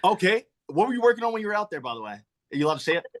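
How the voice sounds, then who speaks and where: A man's voice: sits high, big pitch swings, racing. An American man hosting a casual podcast interview, eager and often tripping over his words and starting again. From United States. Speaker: podcast host.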